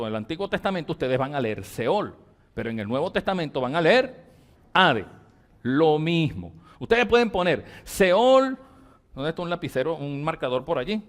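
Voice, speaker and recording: A man, a Venezuelan pastor with a Venezuelan Spanish accent, teaching a Bible study in a church, repeating and dictating terms emphatically to his congregation. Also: a little high.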